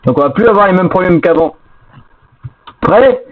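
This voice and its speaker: A high-pitched man rambles through game rules, correcting himself as he goes. His voice comes out half robotic and glitchy, stuttering with lag. It sounds thin and tinny, like a cheap mic over a phone line. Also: expressive, normal speed. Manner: rambling, self-correcting rule explanations. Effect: half-robotic, glitchy lagging voice from a bad mic. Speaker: co-player explaining game rules. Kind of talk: casual gaming chat. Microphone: cheap headset or desk mic.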